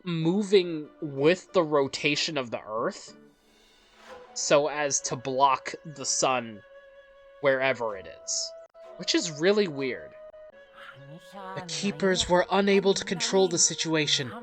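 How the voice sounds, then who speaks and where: Over game music, a woman with a deep, expressive voice reads a game's story aloud slowly for her let's play. Her delivery is that of a dramatic storyteller, punctuated by interjections and personal commentary.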